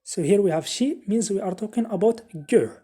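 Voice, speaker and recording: A woman with as her teaches a beginner English grammar lesson. Her voice is dark and soft, with a husky edge. She moves steadily and repeats each example sentence. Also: mid-range voice. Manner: slow, repeats example sentences with Arabic translations.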